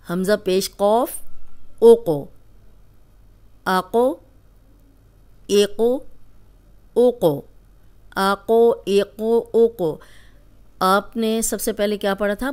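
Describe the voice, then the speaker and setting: A woman teaching Quran reading in a patient, step-by-step lesson, with a Pakistani Urdu accent, repeating syllables in drills and quizzing the learner. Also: mid-range voice. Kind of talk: slow spoken lesson with drills.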